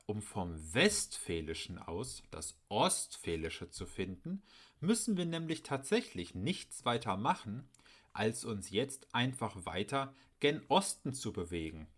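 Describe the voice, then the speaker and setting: A man narrating a scripted educational voice-over, explaining clearly and speaking directly to his viewers. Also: fairly low pitch, sing-song, unhurried, a bit bright. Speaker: channel host explaining dialects.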